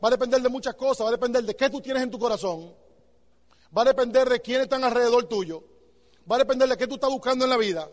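A man's voice: extremely high pitch, fast talker, big-room sound. A man giving an emphatic motivational talk, asking the listener rhetorical questions. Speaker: motivational speaker.

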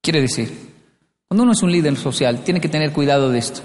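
A man's voice: a little high, expressive, brisk, in a large hall, slight background noise. A man giving a live talk on leadership, telling stories animatedly and acting out the dialogue in playful voices. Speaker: speaker on leadership.

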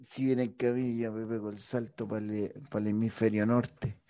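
A man's voice: lowish voice, level tone, normal speed, dark tone, no echo. A Chilean man trading profane, teasing insults in crude comic banter with a co-host.

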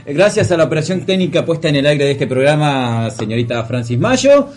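A man's voice: on the high side, lively intonation, a little fast, a little mellow. A man hosting a live radio show, talking in an enthusiastic, effusive way.

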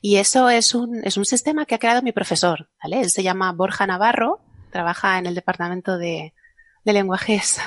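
A woman's voice: mid-range voice, normal speed, dry recording, studio quality. A woman guest on a science podcast panel, explaining her research casually, laughing often and restarting her sentences.

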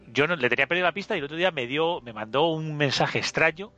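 A man's voice: a little high, fast, bright, forceful tone, lo-fi sound. A man hosting a comedy radio bit, teasing and exclamatory. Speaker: radio host.

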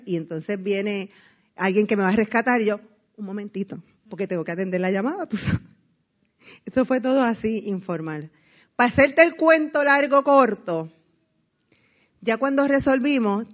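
Lively Puerto Rican woman telling a story. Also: mid-range voice. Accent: Puerto Rican Spanish. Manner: lively storyteller, acts out dialogue, laughs often. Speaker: network marketing speaker. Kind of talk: motivational testimony talk.

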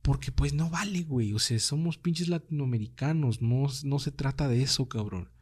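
A man's voice: medium pitch, normal speed. A young man with a Mexican accent, hosting a casual solo podcast and talking in slangy, swear-heavy speech. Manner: slangy, swears freely, says "güey" constantly. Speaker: podcast host.

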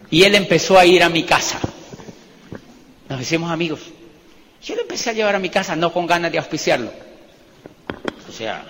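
A man with a Colombian accent giving a motivational business talk, telling stories with animated repetition and self-mocking jokes. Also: high-pitched. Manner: animated, repeats phrases for emphasis, jokes about himself. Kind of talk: storytelling talk to a live audience. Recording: reverberant hall with faint background noise.

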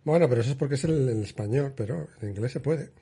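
Husky, mellow-voiced Spanish man. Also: mid-range voice, quick pace. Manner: patient, correcting, matter-of-fact. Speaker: podcast co-host. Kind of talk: casual banter.

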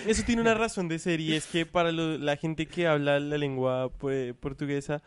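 A man chatting on a podcast, talking things through at length. His voice sits a little high and comes across smooth and clear. The sound is dry and close. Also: fairly even intonation, normal speed, no room sound. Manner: explains at length, thinking aloud. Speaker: podcast co-host. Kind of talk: casual podcast chat.

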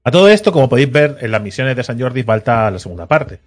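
A man's voice: medium pitch, sing-song, fast talker. A man hosting a podcast, telling a story in casual chat, acting out the people he quotes with a teasing edge.

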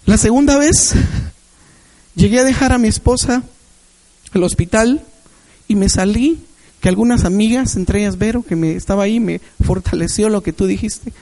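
A man's voice: high voice, normal speed, long pauses, warm tone, rough recording. A man preaching a Sunday sermon in a church, sharing a personal testimony with emphatic repetition.

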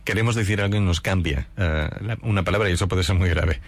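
A man's voice: deep voice, quick pace. A man hosting a radio interview, conversational and asking his guest's opinion. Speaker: radio host.

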